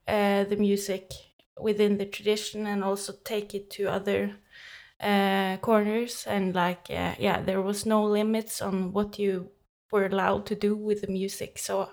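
A young woman with a Norwegian accent who speaks Norwegian natively, chatting as a guest in an interview, cheerful, laughing often, pausing with many fillers. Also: mid-range voice. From Norway. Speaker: guest musician. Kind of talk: casual interview talk.

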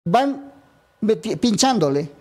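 A man with an Ecuadorian accent, an assembly member telling a story in an interview, lively and acting out what others said. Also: high voice, takes it slowly, husky. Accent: Ecuadorian Spanish. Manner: lively storyteller who acts out quotes. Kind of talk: animated political interview.

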